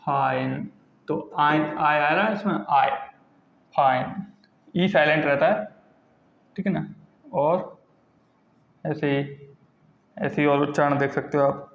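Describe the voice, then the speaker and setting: A man teaching English pronunciation rules, repeating each example slowly and asking and answering his own questions. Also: a little high, steady tone. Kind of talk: classroom lesson explaining pronunciation rules. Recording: echoey lo-fi classroom recording.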